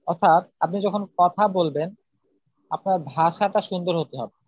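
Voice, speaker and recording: A man's voice: high voice, warm tone, no echo. A man teaching a public speaking lesson, earnest and methodical, going through numbered points. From Bangladesh. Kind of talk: spoken lesson. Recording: slightly dull, dry recording.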